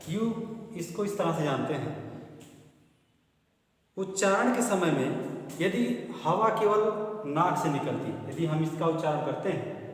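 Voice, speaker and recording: A man teaching a grammar lesson who asks questions and answers them himself, repeating key terms. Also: fairly high pitch. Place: classroom or school hall. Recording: strong echo, long hall reverb.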